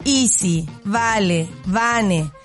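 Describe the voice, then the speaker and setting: A woman's voice: medium pitch, very slow, soft background music. A woman with a Chilean accent hosting a radio show, giving blunt, sarcastic commentary and laughing often. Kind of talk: casual opinionated radio commentary.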